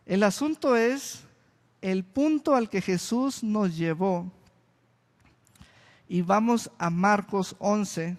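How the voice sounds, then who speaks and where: A male pastor preaching a sermon slowly and deliberately, repeating key phrases for emphasis. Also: high-pitched. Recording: long reverb of a church hall.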